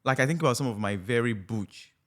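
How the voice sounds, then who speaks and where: A young adult man from Nigeria, co-hosting a podcast in a playful, teasing way. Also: mid-range voice. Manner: playful and teasing, quick to laugh. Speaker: podcast co-host. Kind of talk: casual chat.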